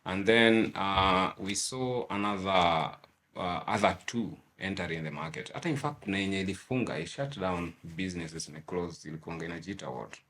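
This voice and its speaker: Kenyan man, very low voice, casual reflective guest, faint ambience behind. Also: moderate pace, a bit bright, slight background noise. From Kenya, Nairobi. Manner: mixes English and Swahili slang, reflective. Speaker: guest entrepreneur. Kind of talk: casual interview talk.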